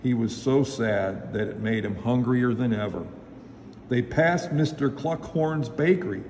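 A man reading a children's picture book aloud with lively, expressive storytelling. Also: mid-range voice, measured pace. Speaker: storybook reader, local official. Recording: echoey hall, faint noise.

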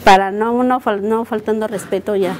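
A woman in her thirties from Mexico, a native Mixtec speaker with a Mixtec accent, talking in an interview in an earnest, halting way that often circles back and repeats itself. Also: medium pitch, steady tone, background noise. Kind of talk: casual interview.

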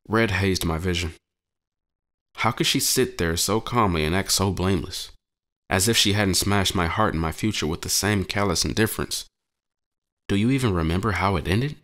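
A man telling a dramatic story in the first person, narrating with a measured, brooding delivery. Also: low-pitched, a bit bright.

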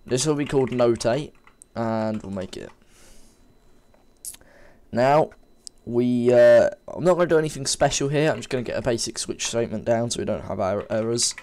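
This game development tutor has a medium-pitched, darkish voice and talks at a moderate pace. Nursing a cold that leaves him a bit sniffly, he casually rambles through a coding tutorial at his computer, frequently correcting himself mid-typing. A desk microphone captures him.

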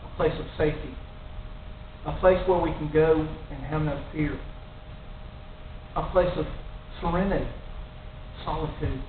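A man's voice: on the high side, fairly even intonation, measured pace, pauses often. A middle-aged man giving an earnest sermon in a small church, speaking into a stand mic and building to emphatic warnings. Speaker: lay preacher. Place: small church room in front of a cross. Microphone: stand mic near the mouth. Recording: tinny, echoey, distant with faint hiss.

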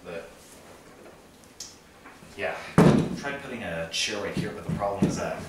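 A young man's low, expressive voice moves at a measured pace as he vlogs a rambling, casual tour of his family's carpeted house, with plenty of fillers. It's captured on a handheld camera mic, so the audio is noisy.

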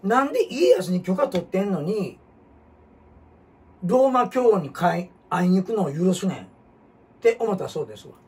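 Husky Kansai man telling history. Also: sits high, moderate pace, long pauses. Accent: Kansai Japanese. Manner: animated storyteller, jumps between topics, asks rhetorical questions. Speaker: host. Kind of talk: casual history talk. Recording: husky voice from far off the mic.

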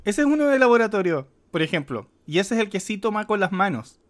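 A man's voice: high-pitched, sing-song, quick pace. A man streaming casual live commentary as he reacts to a film.

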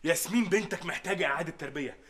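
A man's voice: a little high, fairly bright tone, a little hiss or hum, natural voice. An actor with an Egyptian accent playing a brash, cheeky man who claims to be a long-lost brother and makes bold demands. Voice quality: bold, demanding, quick to sulk. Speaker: actor in sitcom. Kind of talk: sitcom acting.

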